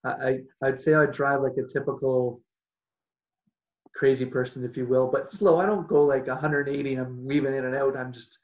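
Man, Canadian accent, podcast guest, casual, chatty, mid pitch, roomy echo. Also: steady tone, normal speed. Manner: chatty, laughs often, many restarts.

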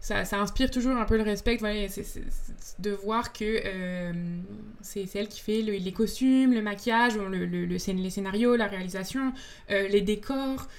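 A woman's voice: mid-range voice, moderate pace. A young adult woman, a podcast guest, talking about films in a thoughtful, enthusiastic way while she searches for her words. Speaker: podcast guest, comics author and film student. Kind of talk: casual interview talk.

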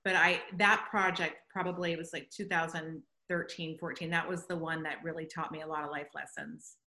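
A woman's voice: deep voice, little pitch movement, moderate pace, pushed and bright, echoey room. A woman in casual conversation as a guest, speaking in an earnest, reflective way about her business.

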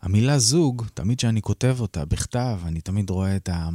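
Male podcast host, low voice, reflective chatty delivery, dry studio mic. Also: animated, mellow, no echo. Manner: conversational, reflective, open about himself. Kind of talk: casual interview chat.

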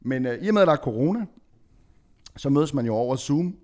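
A man's voice: medium pitch, expressive, a little mellow. A man with a Danish accent telling a crude, joking story on a podcast, dropping in English phrases. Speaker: podcast host. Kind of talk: casual chat.

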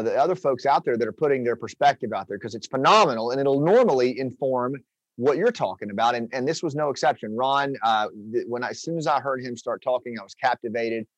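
A man's voice: medium pitch, dry recording, dull audio. Guy hosting a podcast, chatty and eager, lots of restarts, dead dry close mic. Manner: enthusiastic, rambling with restarts. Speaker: podcast host. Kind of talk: casual interview chat.

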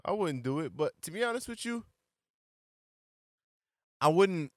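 A man in his late twenties in a casual chat, blunt and slangy, quick to agree. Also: on the high side, lively intonation, a little mellow, no echo, studio quality. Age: late 20s.

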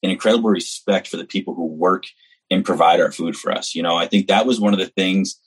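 An executive chef from New Hampshire on the US East Coast is a guest on a casual podcast interview. His voice is low and breathy-edged, and he talks quickly in long run-on stretches, full of earnest enthusiasm.

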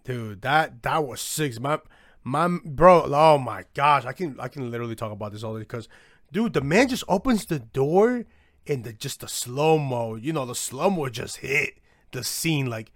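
A man's voice: medium pitch, lively intonation, moderate pace, no room sound. Young male anime podcast co-host, frat-bro delivery, loose profane slang, very dry recording. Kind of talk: casual anime discussion chat.

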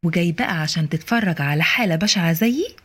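A woman with an Egyptian Arabic accent voicing a disfigured 36-year-old patient in an audio drama, talking softly with dry teasing. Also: on the low side, lively intonation, fast, breathy edge. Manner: soft, sometimes whispering, dryly teasing.

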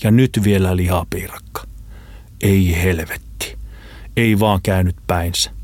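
A man reading an audiobook in a steady, measured narration. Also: low-pitched, no echo. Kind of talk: scripted narration.

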